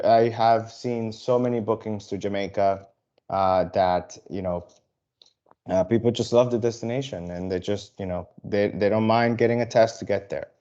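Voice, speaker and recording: With frequent fillers and false starts, a Dominican airline sales rep gives travel advisors an informal presentation. His pitch is fairly low and his tone dark. The sound is lo-fi.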